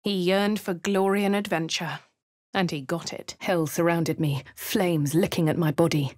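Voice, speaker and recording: A woman voicing a husky posh adventurer heroine. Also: fairly low pitch, fairly even intonation, moderate pace, a little mellow, no echo, studio quality, close to an everyday voice. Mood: wry. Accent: upper-class English. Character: posh female adventurer, dry-witted and composed. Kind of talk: video game voice lines, in-character narration. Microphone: close studio mic.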